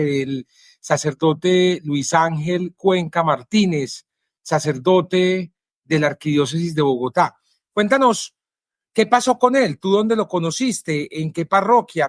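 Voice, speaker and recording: A male journalist with a Colombian Spanish accent, introducing his guest and asking questions in a measured, earnest way with frequent pauses. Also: fairly high pitch, no room sound, studio quality. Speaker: journalist and interviewer.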